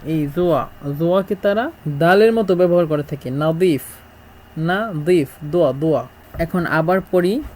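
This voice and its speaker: A middle-aged man from Bangladesh, teaching a language lesson and repeating words slowly as he drills them. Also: fairly high pitch, darkish tone, slight background noise, rough recording.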